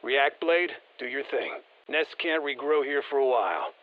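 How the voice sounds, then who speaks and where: Through narrow, tinny audio comes an animated, mid-range male voice at a moderate pace. The actor plays a confident, folksy video game soldier, reading scripted mission briefings with colloquial, clipped tactical phrasing that stays steady and matter-of-fact.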